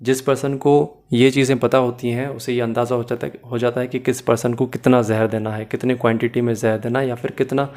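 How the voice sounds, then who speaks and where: A law teacher delivers an explanatory lecture in Hindi-Urdu, sprinkling in English phrases and often checking that his listeners are following. His mid-range, darkish voice barely moves in pitch, and he talks a little fast with few pauses.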